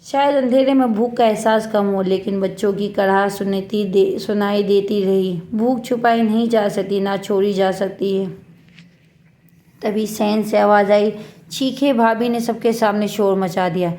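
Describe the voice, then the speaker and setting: A woman reading a first-person family story aloud in a steady, sorrowful storytelling manner. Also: medium pitch. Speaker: narrator.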